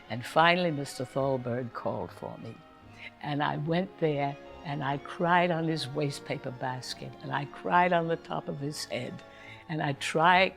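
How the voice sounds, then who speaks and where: A man's voice: on the high side, creaky. An older man telling stories from his days as a film singer, acting out the lines of the people he quotes. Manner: anecdotal, acts out quoted dialogue. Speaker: interviewee, former film singer. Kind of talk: storytelling reminiscence.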